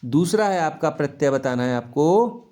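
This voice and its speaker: A man's voice: on the high side, expressive, normal speed, dark tone, a little hiss or hum. A man teaching children a grammar lesson, asking questions and answering them himself, repeating key words and checking if they follow.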